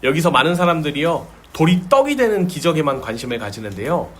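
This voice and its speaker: A man's voice: a little high, very animated, quick pace, a bit bright. A male pastor preaching a sermon, stressing his points and repeating key words for emphasis.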